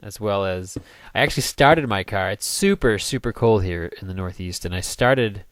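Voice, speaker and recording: A young man with a slightly low voice talks casually over a video game. He rambles between building tasks and cracks jokes. He sings goofy snippets now and then, and the sound suggests a desk microphone. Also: normal speed, no room sound. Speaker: gaming let's play host. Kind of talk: casual gameplay commentary.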